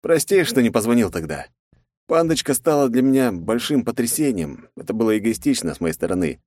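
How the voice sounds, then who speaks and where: A man voicing a calm, teasing young male hero in an audiobook, with a wry delivery. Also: medium pitch, brisk, no echo, studio quality, pitched above the performer's own voice, natural voice. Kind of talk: audiobook dialogue.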